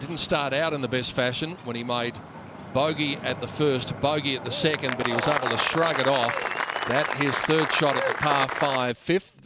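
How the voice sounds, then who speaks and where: A man commentates on golf highlights in a medium-pitched voice. Loud crowd sound and heavy outdoor noise sit behind him as he narrates the tournament. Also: fairly even intonation, normal speed. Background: loud golf crowd and outdoor ambience.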